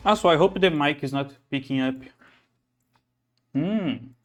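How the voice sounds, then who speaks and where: A man's voice: a little high, a little slow. Chatty male streamer, phone mic. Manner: rambling, self-correcting, chatty. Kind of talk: casual streaming chat and reading game text aloud. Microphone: phone held close to the mouth.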